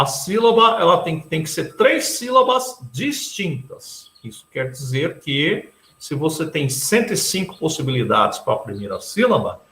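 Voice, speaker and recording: A man's voice: a little high, vocal fry, fairly bright tone. A middle-aged man from Brazil teaching a recorded math lecture. He explains step by step and keeps checking in with his students with short questioning tags. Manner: explains step by step, tags nearly every sentence with a questioning tag. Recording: echoey room.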